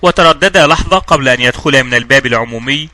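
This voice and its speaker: A man narrating a mystery novel as an audiobook reader, with a brisk, even storytelling delivery. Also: medium pitch, no echo. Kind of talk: scripted narration.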